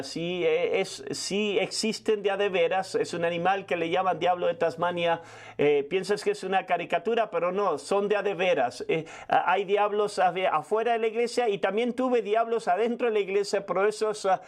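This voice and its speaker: Older male preacher, high voice, rapid testimony-style sermon with restarts. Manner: fast storytelling with frequent restarts.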